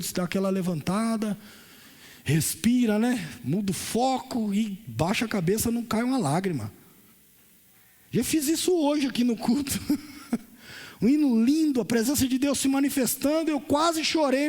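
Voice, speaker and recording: A man with a Brazilian Portuguese accent preaching a Pentecostal sermon at a church service, impassioned, moving between shouted lines and softer ones. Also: high-pitched. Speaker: pastor.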